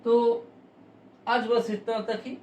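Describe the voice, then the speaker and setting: A man teaching a math lesson, explaining slowly and step by step with frequent pauses. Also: extremely high pitch, monotone, darkish tone, echoey room, distant mic, slight background noise, low-quality recording.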